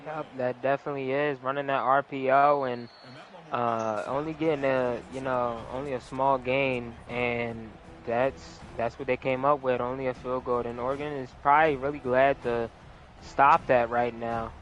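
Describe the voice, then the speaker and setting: A man's voice: medium pitch, moderate pace. Laid-back male color commentator, lo-fi. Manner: relaxed, rambling analysis with fillers.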